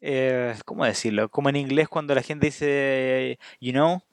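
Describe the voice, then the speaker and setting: A man's voice: mid-range voice, a little slow, smooth, no echo. A man from Chile with a Chilean Spanish accent, a teacher explaining his country's slang in a casual interview chat. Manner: explanatory, demonstrates slang with animated asides.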